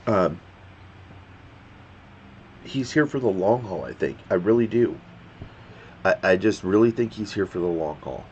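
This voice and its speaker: A man's voice: low-pitched, expressive, unhurried, pauses often, a little mellow. A man giving casual reaction commentary, rambling and often stopping to restart his sentences. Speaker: reaction video host. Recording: dull lo-fi sound with faint background noise.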